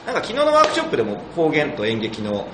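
A man from Tokyo hosting a casual talk, chatting in an animated way and laughing often. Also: mid-range voice, very fast, echoey room, noisy background. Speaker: host. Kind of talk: casual chat.

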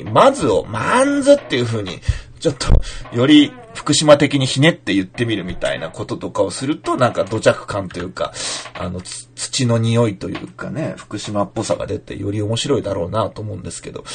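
A man's voice: on the low side, a little hiss or hum. A man raised in Fukushima hosting a casual podcast, reading listener mail and slipping into Fukushima dialect to demonstrate lines. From Fukushima, Japan. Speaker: podcast host, playwright.

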